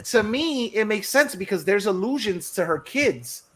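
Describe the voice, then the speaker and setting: A man in his thirties co-hosting a podcast, ranting in a profane, animated casual chat. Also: high voice, normal speed. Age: 30s. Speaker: podcast co-host.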